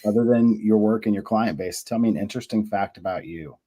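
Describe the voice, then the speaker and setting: A man hosting an interview and explaining his speaking program in a measured way. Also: fairly low pitch, warm tone.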